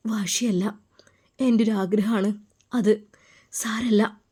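A woman voicing a kind, motherly wife who coaxes gently but stays firm. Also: medium pitch, fairly even intonation, takes it slowly, breathy edge. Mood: quietly firm. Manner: warm, coaxing, firm.

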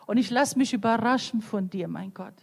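A woman's voice: fairly high pitch, normal speed, vocal fry, breathy edge. Nun in her fifties, hall reverb. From Croatia. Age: 50s. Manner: storytelling, acting out quoted voices. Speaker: nun giving a talk. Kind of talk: lively spoken sermon. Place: large venue at a youth meeting.

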